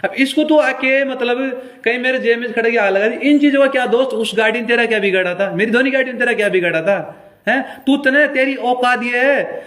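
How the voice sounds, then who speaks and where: A man's voice: very high voice, a little fast, a bit bright. A male folk singer with a Rajasthani accent, delivering an angry, confrontational appeal on a live stream and repeating his challenges.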